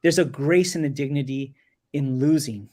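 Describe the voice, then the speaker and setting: A man in his forties telling a story in a relaxed, talkative way, often repeating words as he goes. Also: medium pitch, normal speed. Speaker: resident kung fu master. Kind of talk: casual storytelling on a live show.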